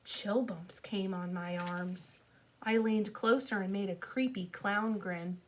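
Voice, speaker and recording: A woman's voice: medium pitch, slow pace. A woman narrating a children's audiobook in a playful, childlike storytelling voice.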